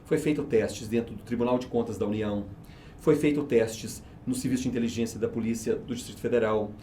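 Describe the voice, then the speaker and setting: Speaking fairly quickly at a medium pitch, the man keeps a steady, dark tone as he describes his teaching approach in an interview. He's the research and market manager at his company, pressing his points emphatically and answering his own rhetorical questions. A little hiss or hum sits under the recording.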